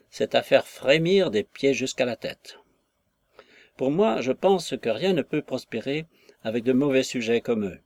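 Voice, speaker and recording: A man's voice: mid-range voice, a little mellow, no room sound. A man putting on a gossiping female innkeeper. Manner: garrulous, wheedling, full of exclamations. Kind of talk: audiobook reading of a classic novel.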